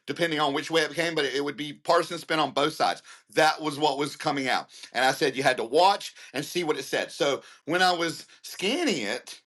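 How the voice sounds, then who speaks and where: Bright-voiced man ranting over the news. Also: a little high. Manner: animated, ranting asides between read headlines; excitable, gets worked up and emphatic. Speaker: news commentary host. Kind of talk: reading news with opinionated commentary.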